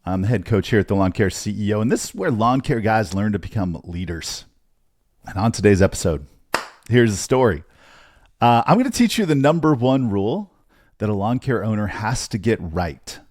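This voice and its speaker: A man hosting his own podcast as a business coach, talking in an energetic, chatty way and laughing often. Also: lowish voice, moderate pace, no echo, clean studio sound. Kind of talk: casual podcast monologue.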